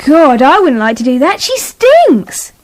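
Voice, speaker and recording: A woman's voice: sits high, sing-song, a little slow, a little mellow. A British woman playing a prim, cheeky little girl in a comic radio play, with stagey sweetness. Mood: blunt.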